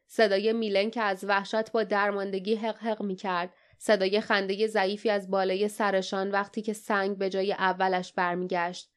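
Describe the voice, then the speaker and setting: A woman narrating an audiobook, reading the characters' dialogue with a livelier, raised voice. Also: clear, resonant tone. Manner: reads dialogue with raised pitch and energy.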